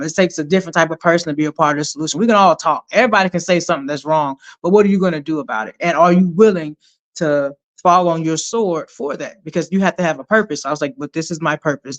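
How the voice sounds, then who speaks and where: Middle-aged woman guest on a podcast, animated and emphatic, telling army stories. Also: low voice. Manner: energetic, emphatic, animated storyteller. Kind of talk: conversational interview storytelling.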